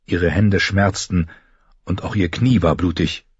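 Narrator with a low husky voice, measured scripted fantasy reading, dry dull sound. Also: male voice, no echo. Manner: measured, even storytelling. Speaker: audiobook narrator.

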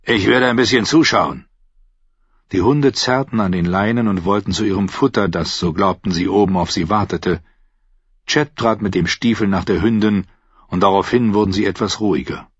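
A man reading a novel aloud as an audiobook narrator, measured and even. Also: low-pitched, husky, no echo. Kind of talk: scripted narration. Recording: dull, muffled audio.

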